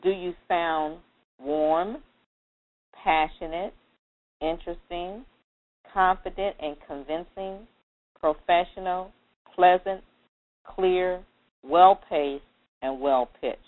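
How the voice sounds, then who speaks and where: A woman's voice: on the low side, takes it slowly, long pauses. A woman interview host asking her guest friendly, guided questions. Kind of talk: phone interview. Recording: tinny phone line.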